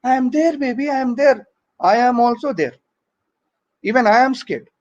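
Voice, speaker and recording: Man playing a clingy young boyfriend, melodramatic, raised pitch, lo-fi sound. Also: expressive, normal speed. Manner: melodramatic, overacting. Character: clingy, showy young boyfriend at a horror film. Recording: dull lo-fi online audio.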